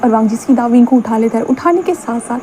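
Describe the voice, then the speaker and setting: Woman storyteller, quick chatty delivery, mellow tone, acts out dialogue lightly, slight background hum. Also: a little high, poor audio. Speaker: fan fiction narrator. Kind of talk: casual storytelling narration.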